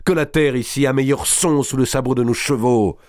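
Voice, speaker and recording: A giant of a medieval nobleman bellows his orders, booming and boisterous, as a man reading the story puts him on. The voice sits well above the reader's own low register and rings out at full force. The recording is dry, with no room sound. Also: fairly quick, no echo, lightly acted. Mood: commanding. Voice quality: booming, shouting. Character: giant burly medieval count, boisterous and exultant. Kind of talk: audiobook character voice.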